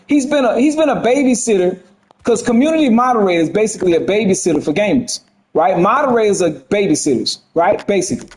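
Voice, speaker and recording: A man's voice: sits high, a little mellow, low-quality recording. A man ranting heatedly as a gaming commentator, profane and fired up, with a temper.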